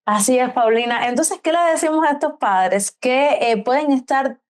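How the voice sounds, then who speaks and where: A woman's voice: high voice, moderate pace. A woman podcast host asking a question, hesitating and restarting phrases with fillers as she goes. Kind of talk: interview questions.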